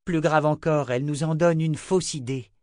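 A man's voice: a little high, steady tone, normal speed, a little mellow, no echo, clean studio sound, voice pushed up, natural voice. A man reading an audiobook voices a strange, earnest young man who pleads and lectures. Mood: lecturing. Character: strange, fervent young man, anxious and preachy.

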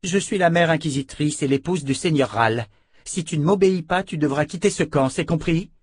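A man's voice: mid-range voice, normal speed, slightly rough, dry recording, pitched above the performer's own voice, close to an everyday voice. A man voicing a proud, commanding woman leader who speaks firmly and with authority. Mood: stern. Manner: authoritative, firm.

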